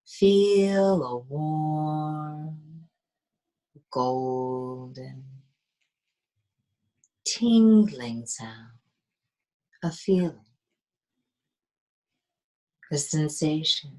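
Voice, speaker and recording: Very slow, low, soothing woman guide. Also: animated, poor audio. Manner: soft, slow and soothing, half-whispered. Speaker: meditation guide. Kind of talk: guided meditation.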